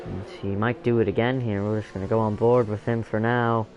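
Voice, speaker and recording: A man's voice: lowish voice, flat delivery, a little fast, a little mellow, lo-fi sound, slight background noise. A young man giving live commentary on a sim-racing league, rambling with many fillers and self-corrections. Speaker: race commentator.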